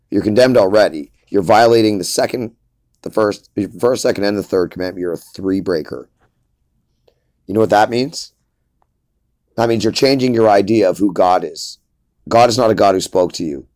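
Man, low voice, dry close sound, emphatic lecturing preacher, repeats himself. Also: a little mellow, dry recording. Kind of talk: informal preaching monologue.

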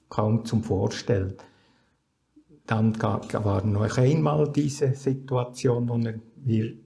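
An older man, recounting a personal experience slowly and haltingly, with repeated restarts. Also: mid-range voice, vocal fry, dark tone. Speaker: interviewee recounting a near-death experience. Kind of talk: slow personal recollection.

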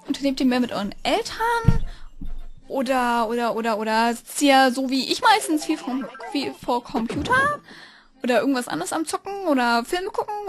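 High-voiced chatty young let's player. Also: female voice. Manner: chatty, rambling, with sudden frustrated outbursts. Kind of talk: casual gameplay commentary. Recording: game music playing behind the voice.

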